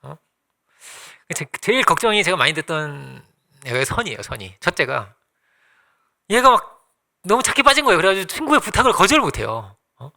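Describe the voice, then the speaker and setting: A man's voice: high-pitched, sing-song, moderate pace, vocal fry, long pauses, pushed and bright. A middle-aged male pastor preaching a sermon in church, telling family stories and acting out the quotes with laughs. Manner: storytelling with acted-out quotes and frequent laughs. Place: church sanctuary.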